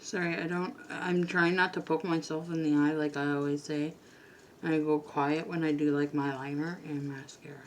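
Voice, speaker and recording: A woman's voice: low voice, level tone, normal speed, a little hiss or hum. A woman vlogger chatting casually and rambling a little as she does her makeup at home. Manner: chatty, rambling, quiet at times. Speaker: beauty vlogger. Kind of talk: casual chat while doing makeup.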